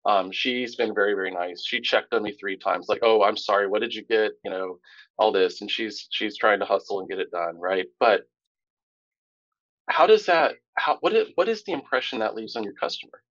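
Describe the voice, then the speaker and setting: Casting: low-voiced male podcast co-host, animated storyteller, dull dry lo-fi recording. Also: moderate pace, no echo. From Tampa, Florida. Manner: animated storyteller, rising pitch when indignant. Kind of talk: casual storytelling chat.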